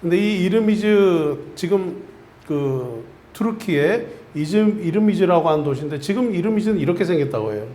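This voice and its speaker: A man with a high-sitting, dark-toned voice preaches a Sunday sermon at normal speed, his intonation lively. As a storytelling pastor, he tells his congregation a story and leads them in call-and-response, having them repeat a phrase. The recording carries the echo of the church sanctuary where he speaks.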